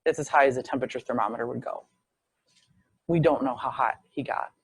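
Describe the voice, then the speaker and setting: A man's voice: mid-range voice, a little fast, slightly rough, dry recording. A man lecturing as a visiting professor, telling a medical case as a story and acting out what people said. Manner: storytelling, acts out quoted speech.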